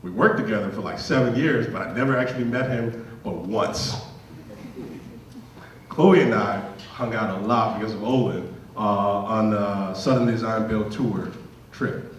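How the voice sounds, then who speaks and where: Speaking at a measured pace with a fairly low pitch, a man from Liberia in his thirties shares his story on a symposium panel in a relaxed, self-mocking way. The recording catches an echoey lecture hall through a distant mic, with slight background noise.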